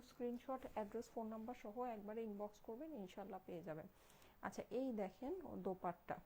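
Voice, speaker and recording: On a Facebook live sale, a young online clothing seller with a Bangladeshi Bengali accent keeps her medium-pitched voice hushed so her sleeping child won't wake. Warm and mellow, she repeats her praise and checks in with listeners, while a faint hum runs under the rough recording.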